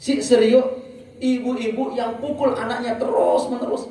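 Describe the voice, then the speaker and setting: Male preacher, dark tone, lively storytelling sermon, distant mic in a booming hall. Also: moderate pace, slight background noise. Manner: lively storytelling, addresses the congregation directly. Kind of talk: sermon at a religious study gathering. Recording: very echoey room, distant mic, faint ambience.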